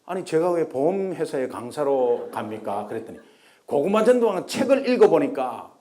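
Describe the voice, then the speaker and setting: Animated middle-aged male pastor. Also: on the high side, normal speed. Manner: animated storytelling, acting out voices of the people in his story. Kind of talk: storytelling sermon.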